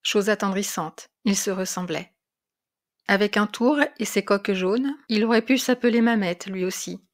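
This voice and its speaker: A woman narrating a classic French short story in a measured, expressive storytelling voice. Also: mid-range voice. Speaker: reader of literary classics.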